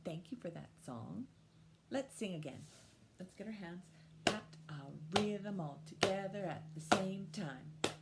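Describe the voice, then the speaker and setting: With music playing in the background, a librarian hosts storytime for young children, reading and instructing through simple, encouraging repetition. Her lowish voice is expressive and measured, touched with vocal fry.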